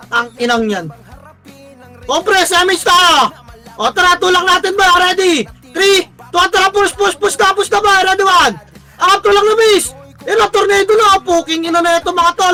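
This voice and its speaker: A Filipino man calling commands to his team during an online game, barking quick orders and swearing often. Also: very high voice, sharp tone. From Philippines. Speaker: team shotcaller. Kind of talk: live game commentary and team calls.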